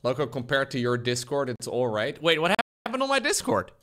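Streaming from a small home room as he edits a video, this young man chats casually and jokingly and reads chat aloud. His medium-pitched voice is a bit bright, a little fast, with big pitch swings. He wears headphones, talks into a desk mic and sits in webcam framing.

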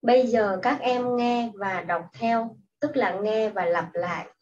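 A woman teacher giving patient, step-by-step instructions in a slow classroom style. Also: on the high side, a little mellow. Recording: distant, muffled mic with faint hiss.

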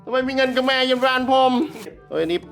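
A man hosting a casual vlog from around a house, excitable and joking, swearing freely and talking straight to his viewers. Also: very high voice, fast talker, creaky, faint music behind. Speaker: YouTube host.

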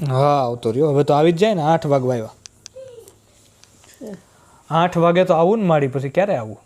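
A man's voice: on the high side, a little fast, darkish tone. A young man, vlogging his family life in a chatty, teasing way on a handheld phone camera. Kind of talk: casual vlog narration.

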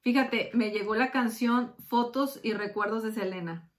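A woman doing a tarot reading, chatting warmly, calling the listener "corazón" and acting out quotes with sudden jumps in pitch. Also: normal speed. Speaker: tarot reader.

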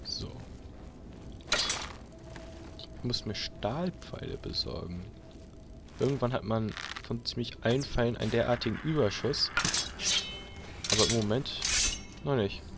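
A man's voice: mid-range voice, animated, a little slow, vocal fry, pauses often. A man giving casual gameplay commentary as a let's player, muttering short reactions to himself. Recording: loud game noise throughout. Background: loud video game ambience.

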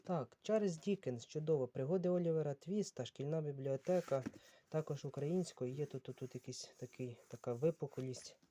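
A man sorting old books on camera, unhurried and musing as he reads titles aloud. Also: a little high, dark tone, slight background noise. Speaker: book collector vlogger. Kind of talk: casual talk while sorting books.

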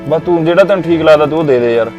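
A man's voice: on the high side, rapid-fire, lo-fi sound, close to an everyday voice. A man acting a younger brother who is weary of the family fights and readily gives way to his elder brother. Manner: weary, accommodating. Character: younger brother fed up with daily quarrels. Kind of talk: family comedy skit acting. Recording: echoey room with music.

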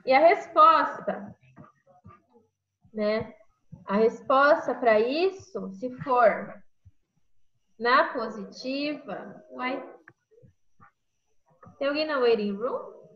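Brazilian woman teacher, slow careful speech, a bit high-pitched, echoey muffled video call audio. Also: fairly bright tone. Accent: Brazilian Portuguese. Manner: patient, explains step by step, constant tag questions. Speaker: English teacher. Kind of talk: online class teaching. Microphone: computer microphone on a video call.

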